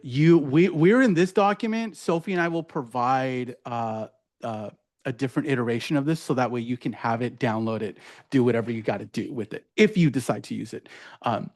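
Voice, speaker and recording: A man's voice: medium pitch, darkish tone. Casual man leading a workshop demo. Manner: casual, filler-heavy, says "right?" often. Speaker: teacher educator presenting.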